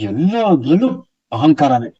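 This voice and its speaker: A young actor playing a blunt, teasing husband who pries and mocks in a TV serial. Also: male voice, on the high side, very animated, measured pace, mellow. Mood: prying. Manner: blunt, teasing, mock-serious. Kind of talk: TV serial acting. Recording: dull lo-fi TV audio.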